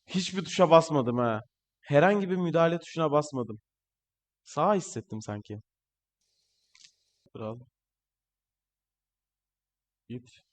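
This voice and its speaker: Young male gamer, higher-pitched voice, excitable live commentary, strained from yelling. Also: unhurried, long pauses. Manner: excitable, shouting at players on screen. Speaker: gaming channel host.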